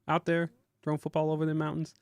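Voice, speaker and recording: A man's voice: a little high, completely flat delivery, fast, vocal fry, clear, resonant tone, no echo, studio quality. A man co-hosting a live stream, chatting casually in short reactions.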